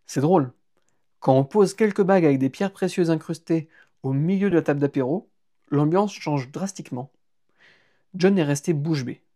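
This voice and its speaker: A man narrating a humorous novel in the first person on a live stream, lively and playful, stopping for chatty asides to listeners. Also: fairly high pitch, normal speed. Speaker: audiobook reader and author.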